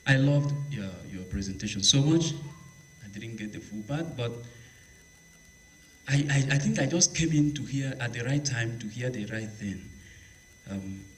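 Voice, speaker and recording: A man's voice: medium pitch, expressive, poor audio. A man, a priest and student, speaking eagerly from his seat in the audience. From Nigeria. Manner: seated, quick and eager.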